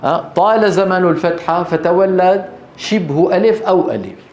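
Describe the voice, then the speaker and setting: A man teaching Quran recitation to a class. He keeps asking his listeners questions, answers them himself, and slowly draws out the verses he recites as examples. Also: sits high, darkish tone. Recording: echoey room.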